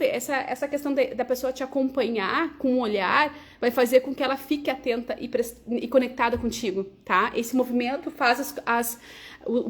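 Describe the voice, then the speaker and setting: A woman from coaches an audience on public speaking in a livestream, her voice sitting somewhat high. She talks in a lively, conversational way, constantly checking in with quick tags like "né" and "tá". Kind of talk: livestreamed teaching talk.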